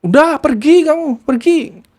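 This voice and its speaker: A man's voice: very high voice, lively intonation, measured pace, voice pushed up. A man voicing an angry, hostile teenage boy who seems possessed, in a told ghost story. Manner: shouting, hostile.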